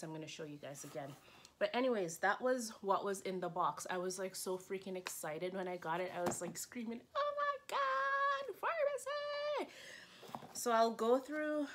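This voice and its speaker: A young woman talks through a beauty unboxing in a loose, chatty manner, her voice sitting a little low. She is excitable and leans on "like" as filler. A faint hiss of background noise runs under the recording. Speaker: beauty vlogger. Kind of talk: casual unboxing chat.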